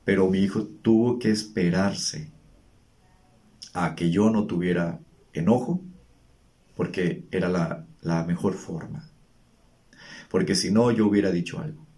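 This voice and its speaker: A man's voice: low voice, measured pace, pauses often, mellow. A man giving earnest, teacherly advice on emotions, posing rhetorical questions as he talks. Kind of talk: reflective monologue.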